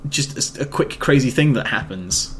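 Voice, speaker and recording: A man's voice: medium pitch, lively intonation, moderate pace. Sleepy man rambling. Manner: rambling, hesitant with many fillers. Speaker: podcast co-host. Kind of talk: casual chat. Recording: faint background noise.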